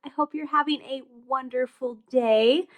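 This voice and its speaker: A woman's voice: sits high, steady tone, measured pace. A middle-aged woman hosting a casual craft tutorial, chatty and upbeat, thinking aloud as she works.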